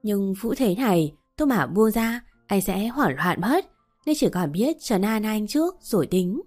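A woman narrating a first-person story in a steady audiobook reading. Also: mid-range voice. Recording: faint background music.

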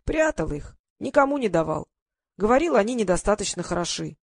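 A woman voicing a frail old man who speaks slowly in short sentences, with a whistling lisp from bad dentures. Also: medium pitch, very animated, vocal fry, dry recording, studio quality. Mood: fond. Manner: slow, halting.

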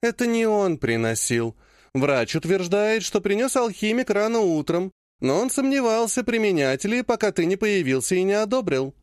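A man voicing a powerful woman clan head who speaks in a slow, honeyed yet threatening way. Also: sits high, animated, smooth, no room sound, studio quality, pitched above the performer's own voice. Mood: honeyed menace. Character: sweetly menacing older woman clan head.

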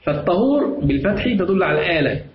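A man's voice: high-pitched, lively intonation, brisk. Egyptian man teaching in an echoey room. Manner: explains step by step, repeats key phrases, quizzes the class. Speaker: teacher of Islamic jurisprudence. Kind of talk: classroom lesson with questions to students. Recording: echoey, dull lo-fi room recording with clear noise.

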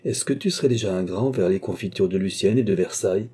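A man's voice: fairly low pitch, fast, mellow, husky. A man voicing an impudent, teasing young woman at court in a storybook reading. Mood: mocking.

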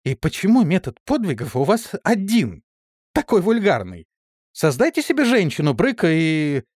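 A man putting on a stern woman officer, pitched well above his own voice, scolding in a lively, rising tone. She lectures with indignation, and the recording is close and dry. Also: normal speed, dry recording, exaggerated voice.

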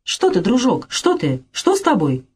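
A woman's voice: medium pitch, wildly swooping pitch, normal speed, darkish tone, breathy edge, pitched above the performer's own voice, heavily acted. A woman reading as a fussy, chiding aunt. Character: fussy older aunt, bustling and scolding.

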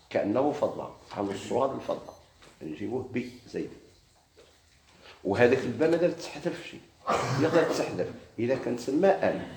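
A man's voice: mid-range voice, creaky, darkish tone, reverberant, a little hiss or hum. A man with a Moroccan Arabic accent teaching a grammar lesson, explaining step by step and quizzing his students with questions. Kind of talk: classroom lesson.

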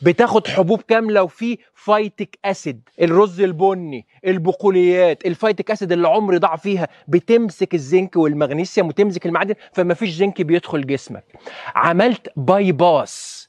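A man with an Egyptian Arabic accent, a doctor giving a lively health lecture who keeps quizzing his listeners with rhetorical questions. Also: high-pitched, fast talker, no echo.

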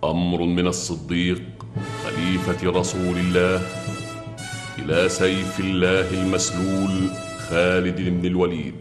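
A man playing a stately herald who reads out the caliph's orders, measured and ceremonious, in a historical drama. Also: low-pitched, little pitch movement, natural voice. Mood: solemn, commanding. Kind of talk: formal proclamation in classical Arabic historical drama. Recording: echoey voice over background music.

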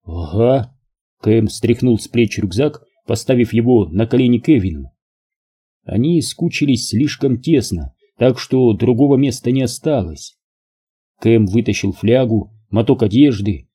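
Dark husky male audiobook narrator. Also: medium pitch, normal speed.

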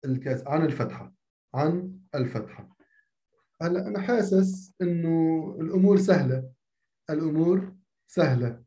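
A man teaching a grammar lesson to a class, repeating key phrases slowly and asking for questions. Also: a little high, dark tone.

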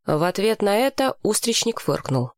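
Woman, audiobook narration, even storytelling, dry booth sound. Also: mid-range voice, normal speed, no room sound. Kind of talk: scripted narration.

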